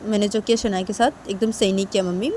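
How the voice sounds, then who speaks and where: A woman's voice: mid-range voice, fairly even intonation, fast, a little mellow, a little hiss or hum, close to an everyday voice. A woman voicing a young woman who pleads, close to tears, to be believed. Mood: pleading. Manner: begging, near tears.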